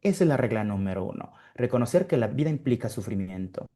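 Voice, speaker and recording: A man gives an informal online lecture in a mellow, warm tone. He explains step by step, checking in with his listeners through quick tag questions and frequent fillers. The sound comes through a computer microphone on a video call. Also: mid-range voice, very animated. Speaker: webinar presenter.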